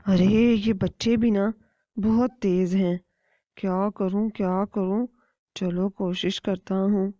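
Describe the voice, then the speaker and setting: A woman's voice: medium pitch, steady tone, warm tone, dry recording, close to an everyday voice. Woman voicing a scheming male kite villain. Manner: scheming mutters to himself. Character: sly hungry male kite bird, villain. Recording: dull dry lo-fi recording.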